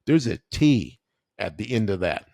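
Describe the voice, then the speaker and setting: Gravelly slangy man in his forties. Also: lowish voice, moderate pace, no echo, clean studio sound. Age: 40s. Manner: slangy, laughs often, animated storyteller. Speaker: podcast guest. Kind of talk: casual storytelling chat.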